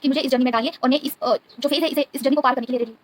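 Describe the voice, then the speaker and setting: A woman tarot reader giving an earnest, devout spiritual talk to her viewers, often checking in with a quick "okay?". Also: high-pitched, fairly even intonation. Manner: devout, keeps asking the listener "okay?".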